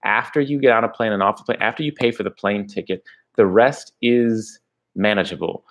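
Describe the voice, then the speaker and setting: On a livestream, a man who vlogs about travel answers viewers casually, halting and rambling as he thinks aloud. His voice is on the low side.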